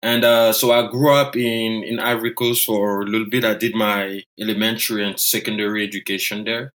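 A man in his thirties from Côte d'Ivoire, a native French speaker and economist, appears as a guest on a podcast interview, reflectively and self-deprecatingly telling his own story. His voice is fairly low and a bit bright, with fairly even intonation and a slightly fast pace.

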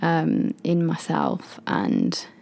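A woman in her late twenties co-hosting a relaxed podcast. Her voice sits low with a gravelly edge. She chats in a reflective way and laughs easily. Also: very slow. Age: 20s. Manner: chatty, reflective, laughs often. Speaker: podcast co-host. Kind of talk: casual podcast chat.

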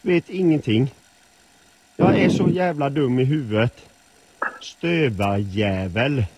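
A man voicing his male hunting dog as a dim creature who sulkily denies doing anything wrong, with music playing loudly behind him. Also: mid-range voice, breathy edge, lightly acted. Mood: sulky.

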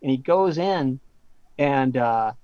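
A man's voice: mid-range voice, lively intonation, slow pace, darkish tone, no room sound. A man, a professor and guest author, casually telling a story in an interview, rambling with many fillers and stammered restarts. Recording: slightly dull lo-fi audio.

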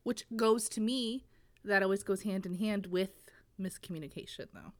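A woman co-hosting a podcast, talking through a book in a relaxed, conversational way. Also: mid-range voice, moderate pace. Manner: relaxed, conversational, many fillers. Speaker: podcast co-host. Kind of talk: casual book discussion.

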